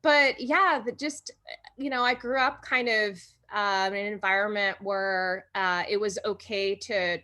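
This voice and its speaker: A woman's voice: mid-range voice, steady tone, measured pace, bright, forceful tone. A woman from Hawaii, a podcast guest, chatting casually with many fillers, restarts and frequent laughter. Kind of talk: casual interview chat.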